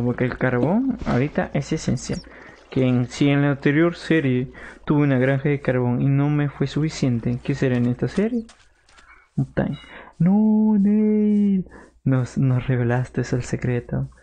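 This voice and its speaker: A man's voice: mid-range voice, normal speed, a little hiss or hum. A man streaming live gameplay, chatting with viewers and yelping in panic. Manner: excitable, yelps and shrieks in panic. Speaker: gaming streamer.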